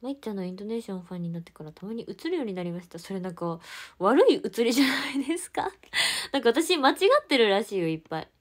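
Young woman, casual livestream chat w/ viewers, giggly, goes soft then perks up. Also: fairly high pitch, expressive, fast talker. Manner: chatty and giggly, drifting between soft murmurs and brighter exclamations. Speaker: idol livestreamer.

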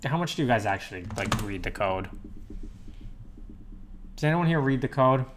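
Male streamer, mid pitch, casual coding talk-through with half-muttered asides; desk mic, soft typing underneath. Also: expressive, normal speed, background noise. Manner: rambling, muttered asides to himself while typing. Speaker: programmer livestreaming. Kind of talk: casual live-coding commentary. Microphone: desktop USB microphone. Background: faint keyboard typing.

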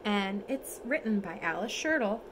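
This mother's voice is expressive and medium-pitched, moving at a moderate pace as she reads a bedtime picture book aloud to a toddler. She speaks in a warm, sing-song, child-directed way that encourages the little one. A phone held at arm's length captures it along with some background noise.

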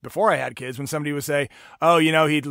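A man's voice: a little high, fairly even intonation, rapid-fire, gravelly, fairly bright tone, dry recording, studio quality. A man hosting a podcast, chatting casually and animatedly about his kids, acting them out as he tells stories. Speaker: podcast host. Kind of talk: casual chat.

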